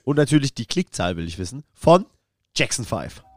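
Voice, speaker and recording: Lively slangy German man. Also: medium pitch, normal speed. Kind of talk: casual group chat.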